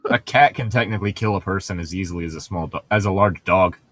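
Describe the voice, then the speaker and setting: This man's voice is low-pitched, quick and fairly bright, captured in a dry recording. Co-hosting a group read-along show, he's blunt, sardonic and swears freely, shifting between casual banter and reading a novel aloud.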